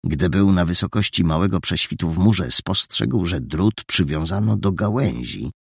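A man with a very deep, gravelly voice reads a storybook in a steady, measured way. His tone is husky, and the recording is close and dry. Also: no echo. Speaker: narrator. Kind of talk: scripted storybook narration.

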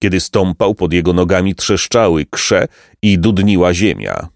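A man narrating a children's tale with vivid, expressive storytelling. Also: deep voice, moderate pace, vocal fry, no room sound, clean studio sound. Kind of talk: storybook reading.

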